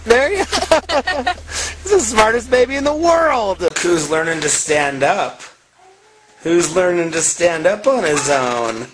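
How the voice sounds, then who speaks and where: A woman's voice: on the low side, very animated, takes it slowly, long pauses, background noise. A mother filming her baby, coaxing him in playful baby talk. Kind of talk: casual family vlog.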